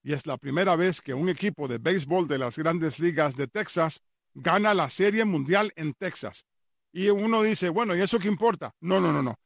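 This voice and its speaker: A man's voice: fairly high pitch, normal speed, creaky, no echo, clean studio sound. Chatty man hosting sports radio. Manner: chatty, repeats details, many fillers. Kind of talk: casual radio sports commentary.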